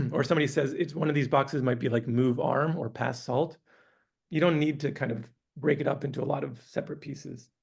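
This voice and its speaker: In a university classroom, a guest lecturer gives an academic lecture with questions, relaxed and hesitant as he thinks aloud. His medium-pitched, gravelly voice is fairly quick and going hoarse; he's losing it and clears his throat.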